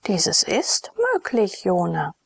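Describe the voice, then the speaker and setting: A woman's voice: fairly low pitch, lively intonation, drawn-out words, creaky, slightly rough, no echo, exaggerated voice. A woman voicing a zealous, vehement young male priest in an audiobook, speaking fervently and urgently.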